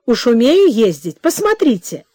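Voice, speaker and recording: A woman reading an audiobook, voicing a lively, proud young girl who talks playfully. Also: fairly high pitch, measured pace, dry recording, clean studio sound.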